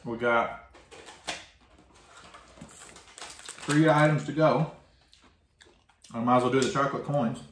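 A man's voice: medium pitch, slow, long pauses. A man co-hosting a casual snack review at home, chatting easily and reading package descriptions aloud. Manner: relaxed, reads package text aloud. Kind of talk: casual snack-tasting chat. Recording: echoey room, faint noise.

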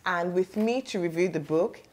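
Low-voiced woman hosting a book chat. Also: a little mellow. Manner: measured, guiding questions. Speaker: book club host. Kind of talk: book review conversation.

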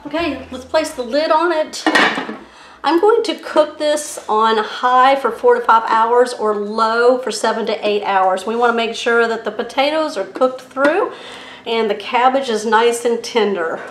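A chatty woman walks through a home recipe step by step, her voice sitting a little high. The kitchen sounds roomy and echoey, with soft music faintly under her. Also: a little slow. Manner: chatty, step-by-step, savoring the food. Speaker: cooking channel host. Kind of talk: casual cooking demonstration. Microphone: camera framed on hands and countertop.

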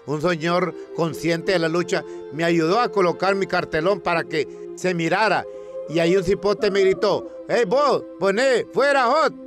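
A man's voice: fairly high pitch, normal speed, over music. A man with a Honduran accent telling a comic news monologue in a colloquial, storytelling way, acting out protest chants. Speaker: comic presenter.

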